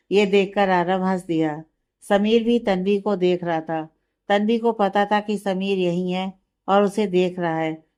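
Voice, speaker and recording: Smooth-voiced woman narrating a story. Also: mid-range voice, a little mellow.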